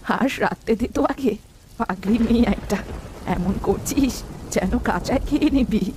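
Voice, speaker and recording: A woman voicing a sympathetic middle-aged village woman in a cartoon, gently chiding. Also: fairly high pitch, normal speed, background noise, close to an everyday voice. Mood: teasing.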